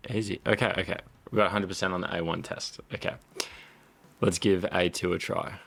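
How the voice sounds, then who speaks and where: A man's voice: deep voice, fairly even intonation, brisk, gravelly, fairly bright tone. A man working through language lessons, sounding out phrases and repeating the hard ones. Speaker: language learner. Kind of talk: practicing phrases aloud.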